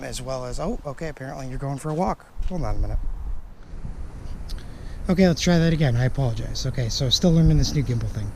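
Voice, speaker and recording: A man with a hoarse voice that is partly lost, talking casually to camera in a rambling, apologetic way about a car project. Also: medium pitch, a little mellow. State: hoarse, losing his voice. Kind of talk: casual vlog talk to camera. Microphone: camera-mounted microphone. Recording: noisy ambient camera microphone recording.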